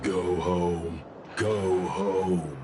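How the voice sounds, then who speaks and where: Slow, deep-voiced homesick robot. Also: male voice, music in the background. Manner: flat robotic speech, says beep boop, talks of itself by name. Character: simple homesick male robot, slow and childlike. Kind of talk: video game voice acting.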